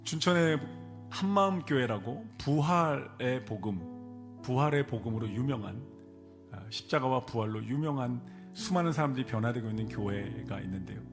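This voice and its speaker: Male pastor, mid-pitched, emphatic sermon delivery, soft guitar underneath. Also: lively intonation, moderate pace. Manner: preaching with rising emphatic peaks. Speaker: senior pastor. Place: church sanctuary.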